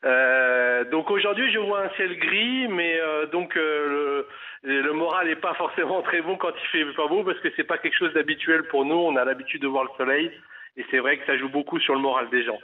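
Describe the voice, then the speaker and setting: A man's voice: fairly high pitch, moderate pace. A man from Paris calling in to a radio show, talking hesitantly with many fillers and restarts. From Paris, France. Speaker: caller. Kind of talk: phone interview. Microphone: telephone. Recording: tinny phone line.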